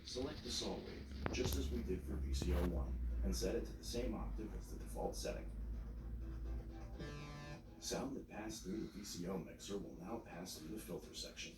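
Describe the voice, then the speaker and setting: Low-voiced man narrating a roomy tutorial. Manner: measured step-by-step explaining. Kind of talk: scripted instructional narration. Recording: roomy, distant mic, music behind.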